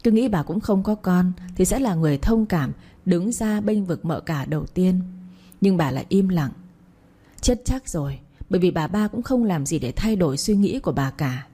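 A woman reading a period story aloud, doing every role in one steady voice. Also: fairly low pitch, moderate pace, husky. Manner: reads all roles in one steady voice. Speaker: audiobook narrator. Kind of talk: storybook narration of a period romance.

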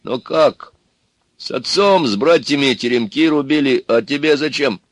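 A man voicing a stubborn, sharp-tongued young peasant in an audiobook. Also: mid-range voice, moderate pace, no echo, voice pushed up, close to an everyday voice. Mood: grumbling. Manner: grumbling, sharp-tongued, defiant. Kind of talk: audiobook character voice.

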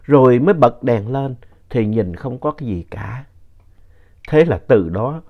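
A man narrating ghost stories sent in by listeners, telling them in an animated storytelling manner. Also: mid-range voice, unhurried. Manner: animated storyteller, voice rising in tense moments. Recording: dull lo-fi recording.

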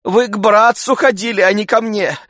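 A man's voice: sits high, steady tone, moderate pace, a bit bright, no echo, studio quality, pitched above the performer's own voice. A man voicing an indignant landlady who scolds an unwelcome guest in a storybook reading. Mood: scolding. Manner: scolding, reproachful.

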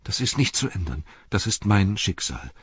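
A man's voice: low voice, sing-song, moderate pace, husky, no echo, exaggerated voice. Man voicing Frodo, anguished young hobbit. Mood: remorseful. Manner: anguished, flaring to shouting. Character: frightened young male hobbit hero, worn down. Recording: dull dry audiobook recording.

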